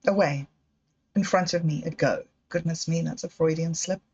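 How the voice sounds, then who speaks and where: A woman with a low, slightly mellow voice and a breathy edge speaks at a moderate pace, and the audio is dull. She's a vlogger musing through her thoughts in a reflective, wandering personal monologue, laughing at herself and coming close to happy tears.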